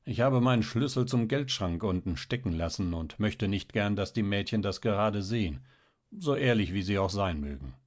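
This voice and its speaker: A man voicing a genial, knowing middle-aged official and father in a read-aloud story, measured and wry. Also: lowish voice, lively intonation, natural voice.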